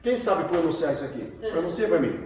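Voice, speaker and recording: A man's voice: on the high side, lively intonation, quick pace, crowd noise. A Brazilian man, a pastor, teaching a Bible class and quizzing his students, often repeating their answers back to them. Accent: Brazilian Portuguese. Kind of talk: classroom theology lesson. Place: large echoey room with students, from far off. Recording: echoey room, voice from far off, faint noise.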